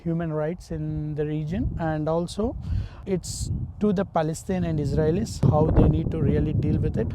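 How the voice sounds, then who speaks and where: An earnest man answers interview questions as a candidate. His voice sits a little high, and he often stalls on fillers and restarts. Traffic noise and the hum of a street come through clearly behind him. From India. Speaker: political candidate.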